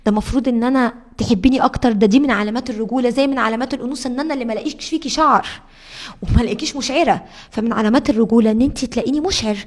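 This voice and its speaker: A woman's voice: fairly high pitch, racing, close to an everyday voice. A woman voicing a proud, annoyed young male fiancé with an Egyptian accent, speaking indignantly. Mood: scoffing. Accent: Egyptian Arabic. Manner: indignant and defensive.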